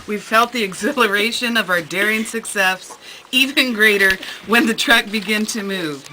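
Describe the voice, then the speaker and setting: A woman teacher reads a personal essay aloud in a school classroom, amused and often breaking into laughter. Her voice is medium in pitch and moderately paced, set against heavy background noise that includes music.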